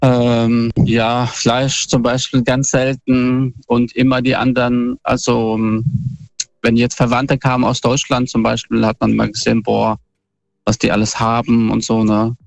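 A male caller heard over a dull, lo-fi phone line, his voice gravelly and sitting in a mid register. He talks in a casual, halting way, with plenty of fillers and restarts, and the line sounds dry and close with faint music underneath. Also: medium pitch, completely flat delivery, no echo. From northern Bavaria. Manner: hesitant, many fillers and restarts. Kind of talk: casual call-in storytelling.

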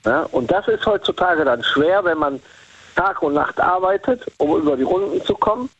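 A man's voice: high voice, lively intonation, moderate pace, creaky, no echo. Rambling man on a muffled phone line. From Cologne, Germany. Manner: rambling, repeats himself. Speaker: caller. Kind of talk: casual phone-in chat.

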